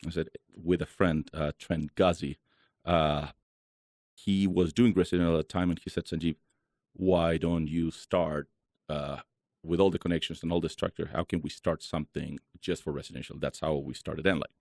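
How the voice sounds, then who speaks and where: Deep gravelly man from Chile. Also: moderate pace, no room sound, clean studio sound. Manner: relaxed, chatty, frequent "uh" fillers. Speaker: guest, solar company founder. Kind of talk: casual interview talk.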